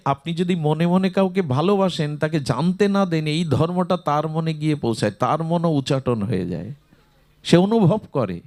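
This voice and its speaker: A man giving a devotional Bhagavata discourse, telling stories and asking rhetorical questions, dropping low and then rising into exclamations. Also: darkish tone. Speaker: Bhagavata reciter.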